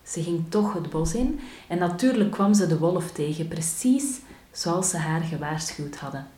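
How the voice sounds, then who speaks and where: Woman, podcast host, story reading, gentle, low-pitched, dark mellow tone. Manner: calm, gentle, unhurried. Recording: roomy echo.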